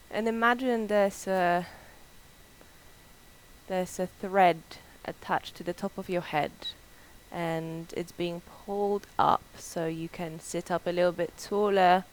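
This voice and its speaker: A woman's voice, fairly low and unhurried, guides a yoga class through breathing and quiet attention to the body. She speaks softly and calmly, with gentle drifting pauses between her instructions. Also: rough recording.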